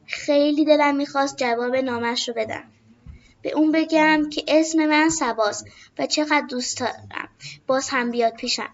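A woman narrating a children's story in a gentle, measured way. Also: high voice. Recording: dull lo-fi recording.

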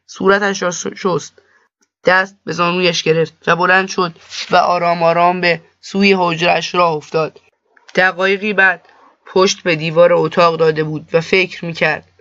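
A man narrating a story in a steady, measured reading. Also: high voice, no room sound. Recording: dull lo-fi dry recording.

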